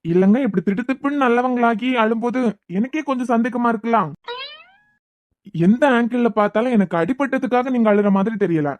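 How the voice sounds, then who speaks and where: A woman's voice: fairly high pitch, a little fast, darkish tone, dry recording, close to an everyday voice. Woman doing a sarcastic young guy in a cartoon, kanyakumari tamil, dry close voice. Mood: teasing. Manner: teasing, sarcastic. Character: cheeky young man, teasing injured patient.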